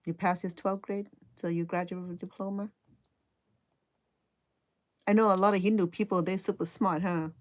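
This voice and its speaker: A woman's voice: fairly low pitch, fairly even intonation, normal speed, pauses often. A middle-aged woman from Cambodia with a Cambodian accent, hesitantly chatting with viewers while teaching crochet and often repeating her words. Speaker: crochet instructor. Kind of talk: casual live-stream chat while crocheting.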